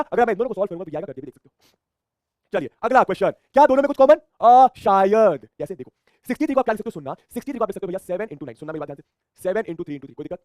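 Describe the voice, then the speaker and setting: A man races through a math lesson, asking questions and answering them himself. His voice sits high for a man. The sound is close and dry, with no room around it. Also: dry recording. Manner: energetic, repeats phrases, asks and answers his own questions. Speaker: math teacher.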